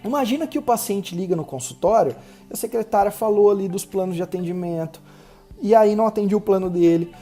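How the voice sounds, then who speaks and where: A man from Brazil who talks fast, hosting a solo podcast and coaching the listener directly. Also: high-pitched, dark tone, soft background music. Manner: fast-talking, instructive, addresses listener directly. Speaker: podcast host.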